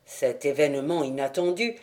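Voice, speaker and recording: A man reading the part of a sharp-minded amateur detective who speaks in a calm, assured way. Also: on the high side, voice pushed down, lightly acted. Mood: quiet. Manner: assured, measured.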